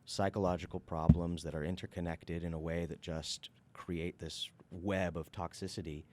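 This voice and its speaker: A man from England speaks in a very deep, level voice. He talks as a theater director in a casual interview, pausing and restarting as he works his thoughts out. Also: flat delivery, very noisy. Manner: halting, with many restarts.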